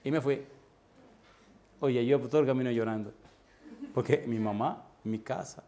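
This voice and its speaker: A man's voice: mid-range voice, normal speed, warm tone, slight background noise. A man preaching an evangelistic sermon, telling a personal story with animation and putting direct questions to his listeners. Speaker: pastor. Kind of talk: evangelistic sermon with altar call.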